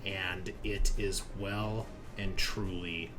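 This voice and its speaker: Low, steady, and slow, his voice guides a tabletop roleplaying game as he narrates what happens and makes calls on the dice. Music runs underneath.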